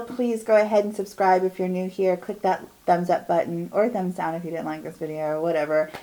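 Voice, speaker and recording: A woman's voice: medium pitch, a little mellow. A young woman, chatting and rambling in a bubbly get-ready-with-me vlog recorded at home. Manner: bubbly, rambling, quick bursts of speech. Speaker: beauty vlogger.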